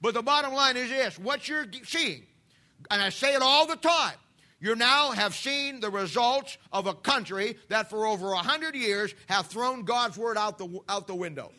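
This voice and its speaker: A man in his fifties preaches to his church in a fervent, folksy way, circling back on his phrases. His voice sits high for a man and comes across sharp and forceful. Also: lively intonation, normal speed. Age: 50s. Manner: impassioned preaching with folksy asides and repetitions. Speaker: pastor. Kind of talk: sermon.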